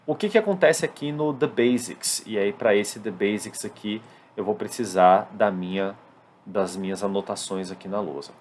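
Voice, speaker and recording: A Brazilian man with a Brazilian Portuguese accent, his pitch mid-range for a man, teaching a beginners' English lesson at a whiteboard. He explains things step by step and slows right down to sound out each English example sentence. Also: a little hiss or hum. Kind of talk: classroom-style lesson at a whiteboard.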